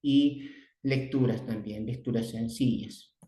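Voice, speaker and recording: A man's voice: fairly even intonation, slow pace, mellow, reverberant, low-quality recording. A man with a Bolivian Spanish accent, a speech therapist giving an online class, who often repeats and restarts words. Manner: repeats and restarts words, acts out children's emotions with sudden high exclamations.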